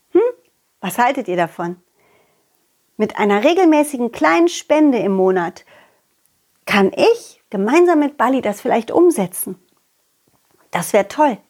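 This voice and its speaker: Lively woman telling children's stories. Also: fairly high pitch. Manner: warm, playful address to children. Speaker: children's storyteller. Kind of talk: storytelling for children.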